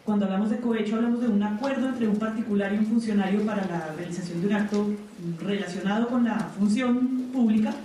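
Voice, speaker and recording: A woman delivers a seminar talk, explaining in a conversational way and stopping often to think. Her voice is mellow. She is recorded from a distance in a very echoey conference hall with faint background noise. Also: medium pitch, fairly even intonation, fast talker, hardly any pauses. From Colombia. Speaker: panel presenter. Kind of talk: seminar presentation.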